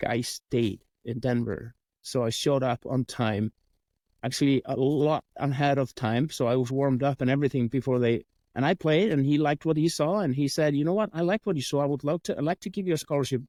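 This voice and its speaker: A man's voice: mid-range voice, darkish tone, no room sound. A man from Iceland with an Icelandic accent, a coach and sales trainer telling his story as an interview guest, acting out the dialogue as he goes.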